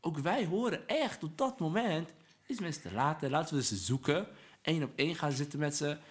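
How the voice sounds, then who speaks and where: A man's voice: fairly high pitch, moderate pace. A man speaking as a podcast guest, earnest and persuasive, preaching about patience and anger and mixing Arabic religious phrases into his talk. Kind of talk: casual podcast conversation, preaching tone.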